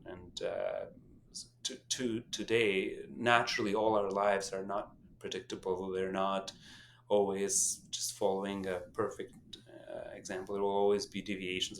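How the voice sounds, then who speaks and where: Speaking in a fairly low voice over a slight hiss or hum, this middle-aged podcast host and company founder, a native Albanian speaker, spins lively stories in a relaxed chat, restarting often and chuckling.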